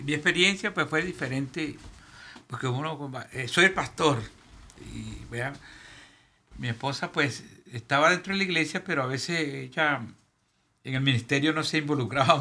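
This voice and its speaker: Man, middle-aged, pastor, halting testimony, slightly high pitch, sharp tone. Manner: halting, repeats himself, laughs between phrases. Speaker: pastor, guest. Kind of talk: personal testimony.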